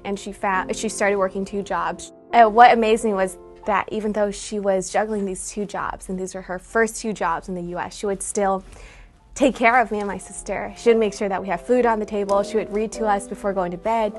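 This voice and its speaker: A woman's voice: medium pitch, fairly even intonation, moderate pace, faint music behind. Earnest young woman telling her story. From San Francisco, United States. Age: 20s. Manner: earnest and reflective, grows emotional. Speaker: interviewee. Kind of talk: taped personal interview.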